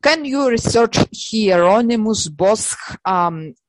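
Halting, slow-spoken woman with Russian accent. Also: fairly high pitch, expressive, a little hiss or hum. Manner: halting, searching for words in non-native English; emphatic, insistent, repeats words for emphasis. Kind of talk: unscripted conversation, explaining theories.

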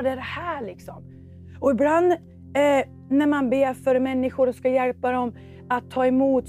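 A woman's voice: high-pitched, a little mellow. A woman preacher giving a fervent, informal sermon to a congregation. She mixes plain talk and filler words with praying aloud in tongues. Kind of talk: charismatic sermon with prayer. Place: church meeting before a congregation.

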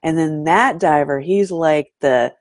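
A woman telling a story in a casual talk, animated and often checking in with "right?". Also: low-pitched, unhurried, no echo, studio quality. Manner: animated, fond of saying "right?" to draw the listener in.

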